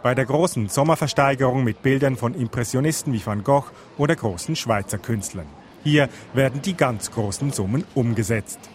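A man's voice: medium pitch, normal speed, few pauses. A man narrating a scripted news report as its reporter.

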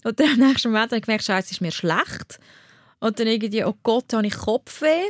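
A woman's voice: fairly high pitch, animated, fairly quick, dry recording, clean studio sound. A woman with a Swiss German accent, candidly telling a personal story in a conversation, with frequent restarts. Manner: candid, restarts often, laughs while telling. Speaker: guest.

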